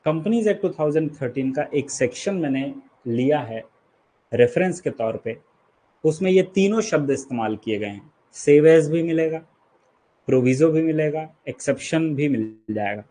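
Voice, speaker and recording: Indian man explaining law terms, higher voice. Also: lively intonation, normal speed, mellow. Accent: Indian English. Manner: explanatory, repeats key terms, checks understanding with the class. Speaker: teacher. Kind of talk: online exam-prep lecture.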